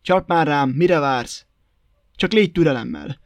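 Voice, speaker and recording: A gruff, dim wolf growls and blusters his threats, as a man puts on his voice. He speaks lower and rougher than the storyteller's plain reading. The sound is dry and close. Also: no echo.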